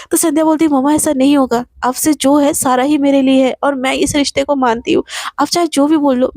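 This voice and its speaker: A woman's voice: high-pitched, dark tone, dry recording, studio quality. A woman narrating a romance story in a chatty, gushing, casual way, with many fillers.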